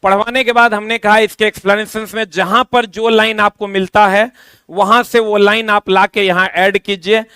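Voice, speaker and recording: High, smooth-voiced male teacher. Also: level tone, moderate pace, sharp tone, no room sound. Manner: informal, repetitive, addresses students directly. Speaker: coaching teacher. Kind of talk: promotional explanation to exam students.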